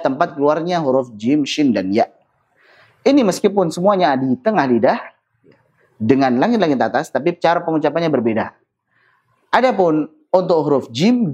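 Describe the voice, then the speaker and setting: Husky man teaching with lively pitch. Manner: explains slowly, models Arabic letter sounds, checks understanding. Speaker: Quran recitation teacher. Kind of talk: online tajwid lesson.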